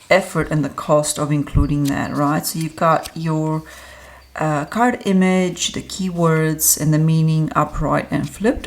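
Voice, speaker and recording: An Australian tarot reader with a slightly low-pitched voice reviews a card deck for her channel, talking solo in a relaxed, chatty way. Her speech is loose and easygoing, with pauses filled by ums and little laughs.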